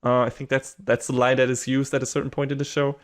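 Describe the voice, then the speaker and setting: A man's voice: medium pitch, flat delivery, fast talker. A man co-hosting a podcast, chatting casually in a rambling way, swearing and laughing often. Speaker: podcast co-host.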